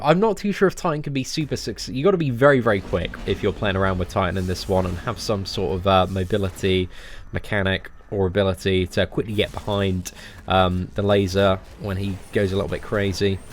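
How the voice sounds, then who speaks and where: A young man giving casual game commentary as a boss guide, chatty and relaxed with lots of fillers. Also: low voice, fairly quick, slight background noise. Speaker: gaming channel host.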